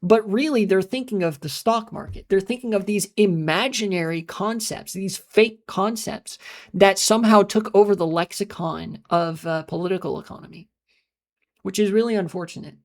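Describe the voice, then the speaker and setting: Speaking at medium pitch and normal speed, this streamer from the United States delivers a loose, rambling monologue. He curses a lot, drifts into filler noises and responds to messages from chat.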